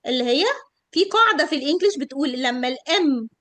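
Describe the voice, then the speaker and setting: A middle-aged woman with an Egyptian Arabic accent teaching English pronunciation in an online class, stretching out model words slowly. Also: high voice, expressive, a bit bright, no room sound.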